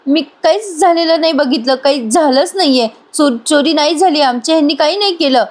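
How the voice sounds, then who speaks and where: A woman's voice: sits high, fairly quick, voice pushed up, natural voice. A woman voicing a frightened, timid housewife who stammers and mutters in panic, read into a serial recap. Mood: panicked.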